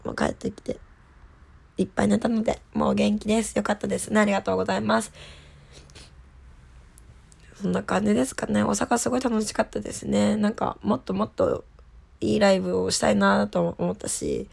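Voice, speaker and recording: A woman's voice: medium pitch, gravelly. A woman with a slightly stuffed-up, nasal voice, chatting casually and playfully to listeners as an idol host. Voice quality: nasal from a cold. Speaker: idol group member hosting her solo talk show. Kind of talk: casual solo chat to listeners.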